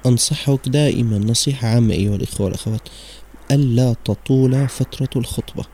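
Fast-talking gravelly man hosting radio advice. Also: medium pitch, slight background noise. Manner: calm advising, mixes formal and colloquial Arabic. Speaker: radio show host taking calls.

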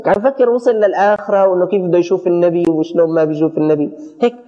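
A man giving a colloquial religious lesson, animated, often stumbling and repeating words for emphasis. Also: sits high, very fast. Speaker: religious teacher. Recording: dull audio with long hall reverb.

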